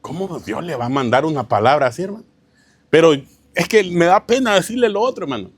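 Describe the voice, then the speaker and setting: A man with a fairly high voice preaches a teaching sermon to his congregation. He keeps checking whether they follow him and calls them brother. He tells stories in an easy, informal way. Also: a little fast, husky, dry recording. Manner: keeps asking the congregation rhetorical questions, addresses them as "hermano". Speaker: pastor.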